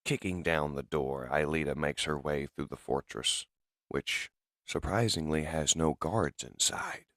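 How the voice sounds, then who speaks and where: Male comic-dub narrator, very low and gravelly, with a dry close sound. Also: unhurried, no room sound. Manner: steady, descriptive storytelling.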